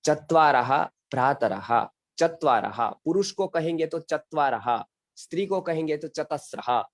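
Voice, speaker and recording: A man's voice: fairly high pitch, animated, no room sound. A middle-aged man from India teaching a grammar class on a video call, patiently repeating phrases and often checking that students understand. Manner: recites example sentences slowly and deliberately. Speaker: Sanskrit teacher. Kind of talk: online class explaining grammar in Hindi.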